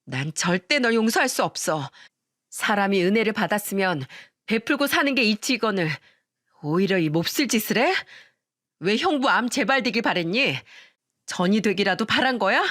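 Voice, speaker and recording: A woman's voice: medium pitch, animated, normal speed, a bit bright, dry recording, studio quality. A woman voicing an angry, loyal young woman who scolds her older sister sharply and hurls accusations. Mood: furious.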